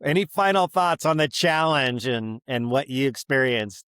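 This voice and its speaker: A man's voice: mid-range voice, animated, normal speed, fairly bright tone, smooth, no room sound, studio quality. A man hosting a faith podcast, encouraging his guest and affirming her often. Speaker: podcast host. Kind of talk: casual faith podcast conversation.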